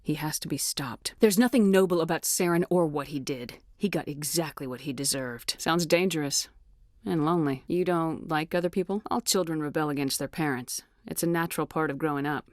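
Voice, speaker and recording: Actress doing a tough lady space commander for a game, low voice, blunt and controlled, really dry close sound. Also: fairly quick, darkish tone, no room sound, natural voice. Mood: calm, curious. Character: resolute, blunt adult female military space commander. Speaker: voice actor for a game's lead character. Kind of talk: scripted game dialogue.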